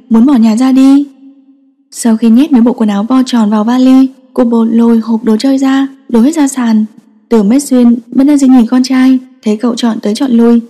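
Woman narrator, audiobook reading, warm dark tone, long reverb. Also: on the high side.

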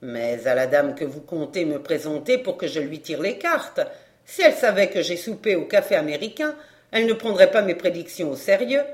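Lady voicing a brash streetwise fortune-teller gal in a storybook, teasing and sharp. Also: fairly low pitch, very animated, normal speed, voice pushed down. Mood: bantering. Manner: bold, bantering, mocking. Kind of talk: audiobook character voice.

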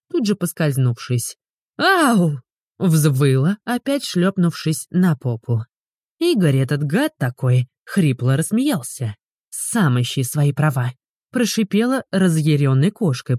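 A woman reads an audiobook with lively, animated inflection and a mellow, warm timbre. The recording is close and dry, with no room sound. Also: sits low, no room sound. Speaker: audiobook narrator. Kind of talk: audiobook narration.

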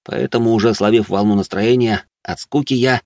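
A man narrating a first-person fantasy audiobook in a low-key, wry way. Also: steady tone, brisk, a little mellow, dry recording, clean studio sound.

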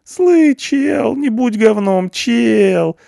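A shrill, squealing teenage punk boy, whining and begging in street slang from behind bars. His voice jumps far above the reader's own and swings wildly. It is loud and near-shouting in a storybook reading. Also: animated, a little slow, gravelly, dry recording, studio quality, exaggerated voice. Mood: pleading. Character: panicky whiny teenage punk boy in jail.

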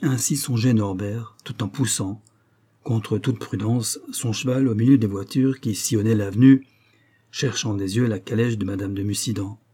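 A man reads a novel aloud in measured, scripted narration. His voice is dark and mellow, with a husky edge. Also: fairly low pitch, fairly even intonation. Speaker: audiobook narrator.

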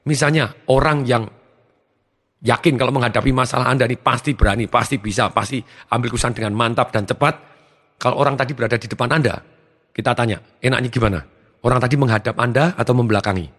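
A man giving a motivational seminar talk, energetic and acting out his students' lines. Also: mid-range voice, quick pace, big-room sound. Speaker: motivational trainer.

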